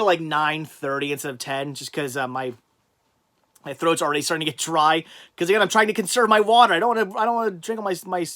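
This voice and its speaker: A man's voice: high voice, fairly bright tone. A man hosting a casual livestream, reading chat comments aloud and rambling through answers with many restarts. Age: adult with a child.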